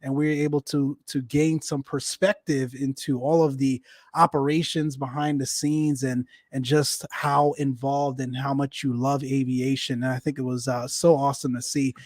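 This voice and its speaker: A man hosting a flight sim podcast, speaking in a relaxed, welcoming way with many fillers. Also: mid-range voice, moderate pace, dry recording, studio quality. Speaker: podcast host. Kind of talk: casual podcast interview.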